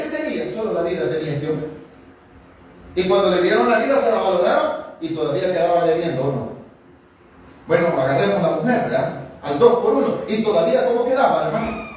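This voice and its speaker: A man's voice: sits high, darkish tone, a little hiss or hum. A man preaching a sermon, often asking the congregation questions. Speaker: pastor. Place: church. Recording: echoey room from far off.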